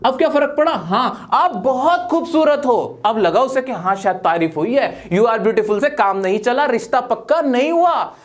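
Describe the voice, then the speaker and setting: A man teaching a grammar lesson who keeps asking questions and answering them himself. He joins in with playful jokes for his students and draws out his example sentences slowly. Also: very high voice, expressive.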